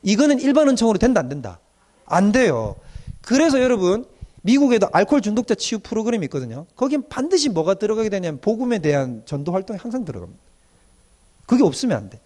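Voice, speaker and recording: Preaching a doctrinal lecture, this middle-aged pastor talks quickly in a high-pitched voice. With animated energy, he impersonates young people he's counselled, rendering their words in dialect.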